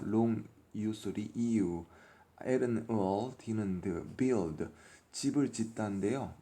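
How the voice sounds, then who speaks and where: In a lowish, warm voice, a man who grew up speaking Korean walks through an English phonics workbook, sounding out each letter with patience and explaining each word's meaning step by step.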